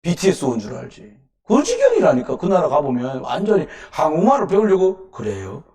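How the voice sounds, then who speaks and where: A man preaching a sermon at a Wednesday church service, firing off rhetorical questions and breaking into sudden loud emphasis. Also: a little high, big pitch swings, brisk, far from the mic. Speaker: pastor. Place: church sanctuary.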